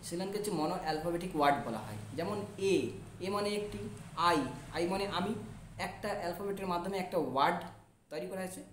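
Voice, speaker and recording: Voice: medium pitch, roomy sound, a little hiss or hum. A teacher explaining English basics step by step and spelling words letter by letter. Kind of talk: spoken English lesson.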